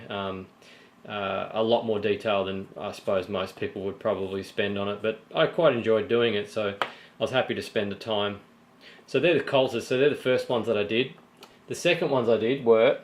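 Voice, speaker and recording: An Australian man with a fairly low, slightly croaky voice casually shows off his painted miniatures in a show-and-tell vlog. He explains each step with plenty of ums and restarts.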